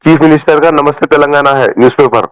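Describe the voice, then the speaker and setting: Speaking quickly, this man has a smooth voice on the high side with fairly even intonation and no room sound. A Hyderabadi-accented party supporter from Telangana, India, he vents about politics in a casual phone conversation that was recorded, repeating phrases in an emphatic, colloquial way.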